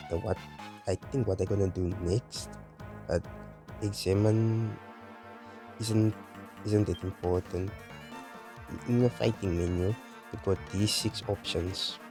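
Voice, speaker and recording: Low-voiced man in casual game commentary. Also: measured pace, pauses often. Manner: relaxed, rambling explanations. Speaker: gaming channel host. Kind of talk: casual let's play commentary. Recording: game music playing loudly. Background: game music.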